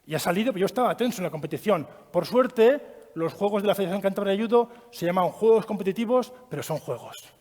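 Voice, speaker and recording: A man giving a training talk to an audience, lively and asking them questions as he goes. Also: high voice, fast talker. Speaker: trainer giving a child-protection course. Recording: long hall reverb.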